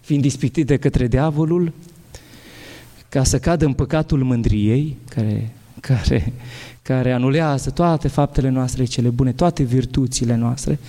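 A man, an Orthodox bishop, giving a spiritual talk and answering questions in an animated, halting way with many restarts. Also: medium pitch, big-room sound.

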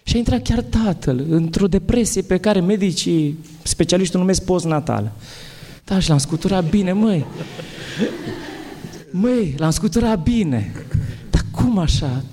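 A man, an Orthodox bishop, giving a spiritual talk and answering questions in an animated, halting way with many restarts. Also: sits high, in a large hall, a little hiss or hum.

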